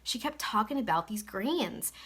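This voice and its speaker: A woman's voice: mid-range voice, expressive, moderate pace, fairly bright tone, husky. Chatty, reassuring young woman. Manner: chatty, reassuring, lots of fillers. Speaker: network marketing coach. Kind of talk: casual talking-to-camera advice.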